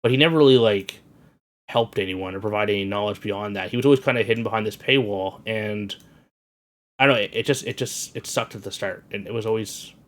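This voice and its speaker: A man with a slightly low voice chats casually and agreeably. He often restarts and repeats words mid-sentence. His talk stays loose and conversational. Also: fairly quick. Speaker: student guest. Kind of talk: casual chat.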